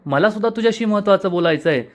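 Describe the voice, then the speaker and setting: A man's voice: high voice, animated, very fast, pitched above the performer's own voice. A man voicing a playful, lovestruck young husband who teases his wife with pet names, in a serial episode recap. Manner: teasing, cajoling.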